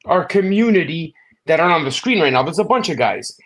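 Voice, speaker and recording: This man has a somewhat high voice. He talks casually as a livestream panelist, earnest and sincere, building his point in short, stop-and-start phrases. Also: expressive, brisk. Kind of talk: casual chat.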